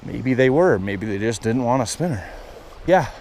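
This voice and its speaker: A man filming a casual fishing vlog outdoors by a mountain stream, talking excitedly to his viewers. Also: medium pitch, moderate pace. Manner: excitable, talks straight to viewers. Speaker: fishing vlogger. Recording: outdoor footage with steady stream noise.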